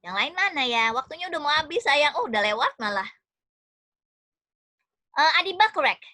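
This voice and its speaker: An Indonesian woman teaches a class online, cheerfully encouraging each pupil by name. Her voice sits high and bright. The sound is dry and close, as on a video call. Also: expressive, moderate pace, dry recording. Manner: affectionate, encouraging, calls students one by one.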